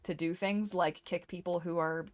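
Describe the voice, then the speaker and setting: Playing a game for her viewers, this host of a live stream and community server chats casually, speaking straight to her audience in a warm, playful, teasing way. Her voice is lowish, her intonation fairly even, and her speed normal.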